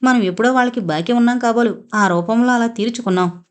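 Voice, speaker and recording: A woman's voice: a little high, fast talker, clean tone, natural voice. Casting: a kind, coaxing old grandmother in an audio novel, voiced by a woman narrator. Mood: soothing. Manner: soothing, coaxing. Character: gentle, affectionate old grandmother.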